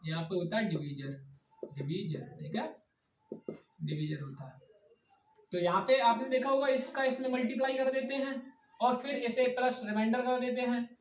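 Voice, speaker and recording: A woman tutor giving a blackboard maths lesson, who asks a question and then repeats the answer. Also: on the high side. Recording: echoey room, distant mic, background noise.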